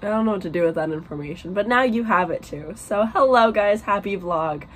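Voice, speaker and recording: A young woman in her twenties chats from her small bedroom, rambling through a casual vlog and book talk full of fillers. Her medium-pitched voice is brisk and expressive, though tired and fading, and there's slight background noise.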